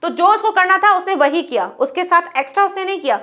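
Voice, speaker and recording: A woman teacher with a high, light voice talks students through a lesson. She mixes English terms into her explanation, poses rhetorical questions, and acts out little bits of dialogue to make her points. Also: animated, fast talker, bright, forceful tone. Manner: explains in Hindi mixed with English words, asking herself rhetorical questions.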